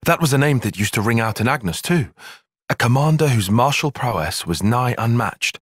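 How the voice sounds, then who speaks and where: A man's voice: mid-range voice, lively intonation, moderate pace, slightly rough, no echo, studio quality. A man playing an earnest, analytical young soldier in a fantasy video game, speaking with precise, formal phrasing. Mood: serious, analytical. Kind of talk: video game cutscene acting.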